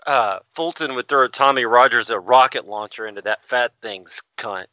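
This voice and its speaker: A man's voice: mid-range voice, normal speed, sharp tone, no echo, muffled recording. A man chatting casually as a podcast panelist in a crude, irreverent manner. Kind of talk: casual chat.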